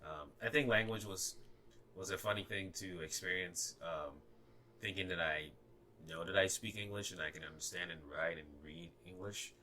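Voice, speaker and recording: A young Ghanaian guest, a native Ga speaker with a slight Ghanaian accent, chats hesitantly on a casual podcast, full of fillers and restarts. His voice is very low, bright and forceful at a moderate pace, with a little hiss or hum.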